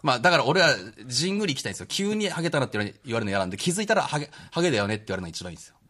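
Man around forty, Tochigi dialect, rapid bright voice, laughing protests, casual radio guest. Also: mid-range voice, big pitch swings. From Tochigi, Japan. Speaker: guest comedian.

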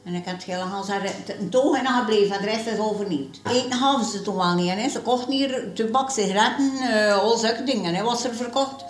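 A woman's voice: medium pitch, a little fast, few pauses. A woman in her seventies with a broad West Flemish dialect accent, chatting plainly in an interview. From West Flanders, Belgium. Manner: plain-spoken, dialect phrasing. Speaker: interviewee, restaurant owner. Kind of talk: casual conversation. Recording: roomy, noisy on-location recording.

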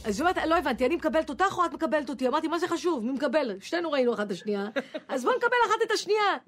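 A female comedian telling an animated story. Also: high-pitched, soft background music.

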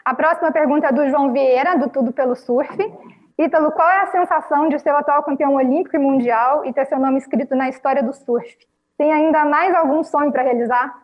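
A woman moderating a press conference, briskly reading out questions. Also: high voice, dull audio.

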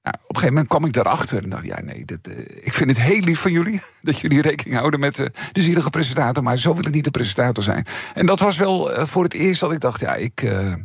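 A middle-aged Dutch man, a former radio presenter, talking reflectively as a guest with a husky, strained voice and many fillers. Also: a little high, animated, fast, no room sound, studio quality. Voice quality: husky, strained voice from vocal cord problems. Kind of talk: casual interview talk.

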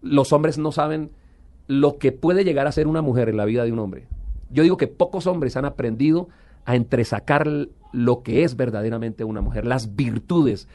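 A man's voice: medium pitch, normal speed, mellow. A middle-aged man giving an earnest personal testimony as an interview guest, sometimes slipping into a preacher's manner.

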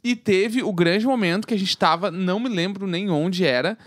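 A man with a Brazilian accent co-hosting a casual chat, telling stories in an animated way and acting out the voices of people he quotes. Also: high-pitched, moderate pace, slight background noise. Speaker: podcast co-host.

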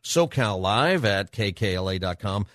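A man's voice: fairly low pitch, expressive, a little slow, fairly bright tone, dry recording, clean studio sound. A middle-aged man hosting a live radio talk show in a conversational way, with a showman-like announcer manner.

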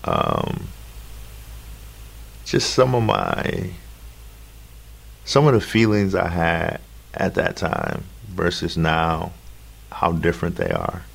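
Casting: male interview guest, extremely deep fry-laden voice, reflective, halting conversational delivery. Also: sing-song. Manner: halting, thoughtful.

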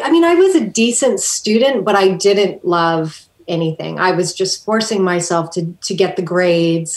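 A woman from Hawaii, a guest on a podcast, answering questions in a soft-spoken way with fillers. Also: mid-range voice, roomy sound. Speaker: guest artist. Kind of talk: conversational interview.

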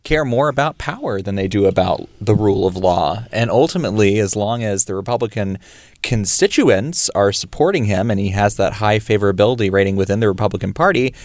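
A man with a fairly low voice, a guest on a radio talk show. He argues political points firmly and matter-of-factly, with a dry, wry humor, into a studio mic with no room sound. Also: expressive, brisk, a little mellow, dry recording. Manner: firm, matter-of-fact, wry. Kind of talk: casual political chat.

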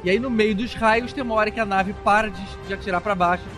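A man with a Brazilian accent recounts scenes in a casual podcast chat with excited energy. He talks fast in a high voice, with clear music under him. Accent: Brazilian Portuguese.

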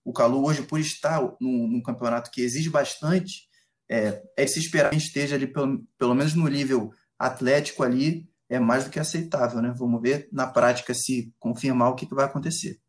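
Mid-pitched Brazilian man, halting football reporter. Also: fairly even intonation. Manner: halting, pieced-together phrasing. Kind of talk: casual spoken analysis.

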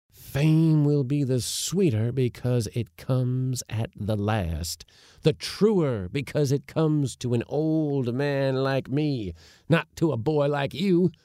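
A man voicing an excitable, secretive old uncle who gives urgent hissed whispers and sharp commands. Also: mid-range voice, no room sound, clean studio sound, voice pushed up. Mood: exultant.

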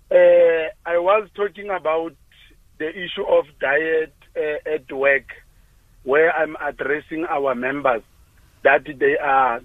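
Muffled phone line, male caller, South African accent, fairly high voice, halting, repeats words, polite. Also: no room sound. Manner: repeats words while searching for phrasing. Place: phone call to a radio show.

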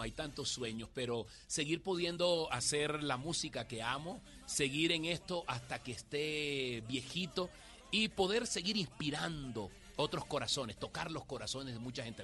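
Bright-voiced man chatting. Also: medium pitch, animated, normal speed, soft background music. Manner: warm, enthusiastic, laughs easily. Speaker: guest singer and actor. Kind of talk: casual interview chat.

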